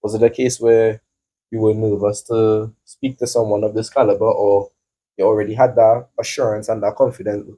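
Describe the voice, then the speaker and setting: A man's voice: fairly low pitch, level tone, moderate pace, dark tone. A male host asking questions in a playful, joking way. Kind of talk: casual interview chat.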